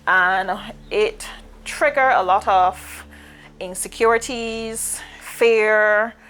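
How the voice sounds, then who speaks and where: A Barbadian woman telling her personal life story in a reflective, unhurried way, pausing often and using fillers. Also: mid-range voice, fairly even intonation, a bit bright, slight background noise. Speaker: guest.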